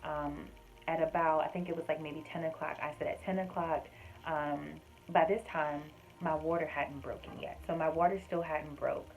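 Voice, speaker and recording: A woman's voice: low-pitched, fairly even intonation, normal speed, a little mellow, low-quality recording. A young woman casually recounting a personal story to her viewers, chatty, with frequent fillers and addressing them as "y'all". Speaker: vlogger sharing her birth story.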